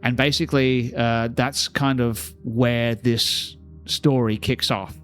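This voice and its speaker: A man's voice: medium pitch, fairly even intonation, takes it slowly, soft background music. A man acting as game master, explaining a tabletop horror scenario in casual chat and stopping often with ums and uhs while he recalls details.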